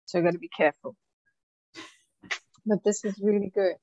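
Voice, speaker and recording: A woman's voice: medium pitch, steady tone, normal speed, dark tone, a little hiss or hum. A woman casually hosting an online business call in an effusive, chatty way that jumps between thoughts. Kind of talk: casual chat, informal hosting. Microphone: video call microphone. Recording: dull lo-fi call audio.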